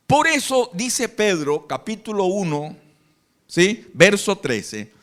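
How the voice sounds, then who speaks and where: Animated Venezuelan pastor preaching. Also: male voice, high-pitched, slow pace. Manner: animated, acts out Bible scenes in voices. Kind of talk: live sermon. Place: church hall.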